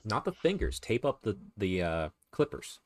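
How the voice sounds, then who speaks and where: A man co-hosting a podcast, chatting casually, rambling with restarts and quick laughs. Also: fairly low pitch, sing-song, no echo. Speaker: podcast co-host. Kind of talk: casual chat.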